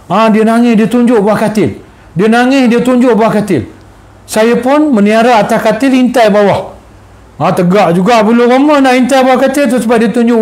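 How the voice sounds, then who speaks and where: High-voiced Malaysian preacher telling a story. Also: male voice. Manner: animated, repeats phrases and addresses the audience often. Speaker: religious teacher. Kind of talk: storytelling lecture.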